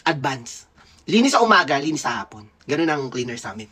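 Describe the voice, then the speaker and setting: A man in his thirties from the Philippines tells a childhood story in a casual, gossipy way. His pitch swings widely and expressively from line to line. He sounds playful, teasing and at ease. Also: very animated, a little fast, bright, forceful tone. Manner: gossipy, playful, laughs often. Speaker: dentist vlogger.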